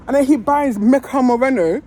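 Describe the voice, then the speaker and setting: A woman's voice: sits high, mellow. A woman, a football fan giving a heated, swearing reaction rant that keeps circling back on itself. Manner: heated, swearing, repeats herself.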